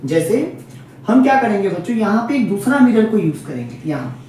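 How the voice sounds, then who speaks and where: A man's voice: sits high, very animated, a little fast, a little mellow, heavy reverb. Man, physics teacher, repeats points, checks in often, mic at a distance, faint background noise. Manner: repetitive, checks in often with students. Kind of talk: exam-focused classroom lesson.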